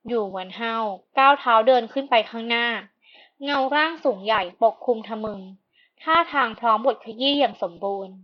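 A woman reading an audiobook in a steady storytelling manner. Her voice sits slightly high, and the recording is dull and lo-fi. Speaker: audiobook narrator. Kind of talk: scripted narration.

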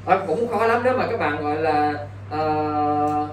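An unhurried man with a voice on the high side teaches an exam-prep English class, firing questions at his students and regularly asking "got it?" A distant mic captures him in a roomy space with faint background noise.

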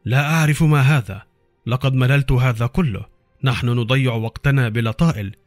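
A man's voice: mid-range voice, brisk, dry recording, soft background music, natural voice. Man playing seasoned male forensic doctor, authoritative, sceptical, questioning, audiobook drama, dry sound. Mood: exasperated. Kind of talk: audiobook character acting.

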